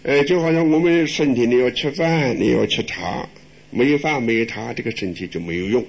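A man's voice: medium pitch, a little fast, creaky. An older man, a Buddhist monk, giving a folksy dharma talk, answering questions with rhetorical questions and chuckles. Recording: dull lo-fi recording.

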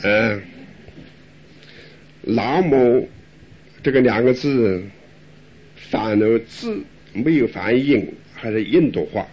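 An older male monk gives a teaching in a lively, swooping voice that rises and falls a lot. He chuckles and poses rhetorical questions in a homely way. The recording is dull and lo-fi. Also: medium pitch, slow pace, long pauses, breathy edge. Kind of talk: dharma talk answering questions.

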